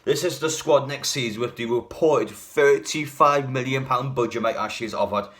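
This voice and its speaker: A slightly hungover man chats casually to his viewers as a football fan. He is blunt and opinionated, and he rambles from point to point in a medium-pitched voice. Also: normal speed, a bit bright. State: a bit hungover. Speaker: football fan video host. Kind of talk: casual fan video talk.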